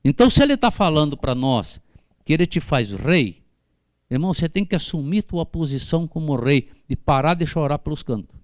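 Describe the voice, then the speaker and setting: A pastor with a Brazilian Portuguese accent delivers a sermon briskly in a high-leaning, sing-song voice, with no echo in the recording. At the church service, he fervently calls on congregation members by name with questions.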